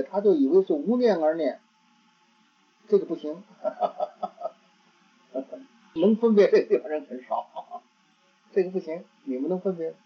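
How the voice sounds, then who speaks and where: Halting man giving a dharma talk. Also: sits high, breathy edge. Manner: halting, repeats words while searching for phrasing. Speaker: Buddhist teacher. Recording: dull lo-fi recording.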